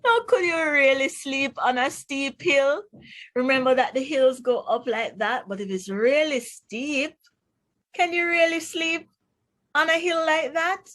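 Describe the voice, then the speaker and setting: Her voice is high and fairly bright, and she keeps a measured pace as she teaches. The Jamaican woman reads a phonics lesson aloud to children, articulating each word instructively and quizzing the listener.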